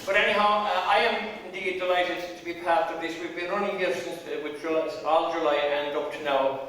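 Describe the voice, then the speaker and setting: A man's voice: a little high, steady tone, brisk, sharp tone. A man with an Irish accent speaks as master of ceremonies at a live traditional music show, announcing in an informal, rambling, folksy way. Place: large hall, live in front of an audience. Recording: echoey hall from far off, noisy audience.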